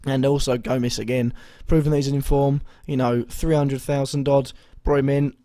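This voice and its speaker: A young man speaks in a warm, relaxed tone that is a little hoarse as his voice recovers. He rambles casually, hesitating often and correcting himself mid-sentence. The sound is dry and close, with no room around it. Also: medium pitch, moderate pace, no room sound. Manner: rambling, hesitant, full of ums and self-corrections. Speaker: fantasy football vlogger. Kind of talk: casual video commentary.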